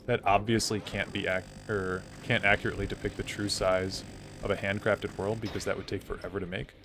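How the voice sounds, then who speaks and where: A man's voice: lowish voice, little pitch movement, brisk, a bit bright, a little hiss or hum. A young man streaming a game live, chatting casually and thinking aloud with lots of "like" fillers as he answers chat. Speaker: gaming streamer.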